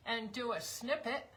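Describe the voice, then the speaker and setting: Chatty woman with a bright, tense voice. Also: on the high side, rough recording. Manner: chatty, rambling, teases her husband with laughs. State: slightly losing her voice. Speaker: craft show co-host. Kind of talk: casual live-stream chat. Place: basement tavern room of a house.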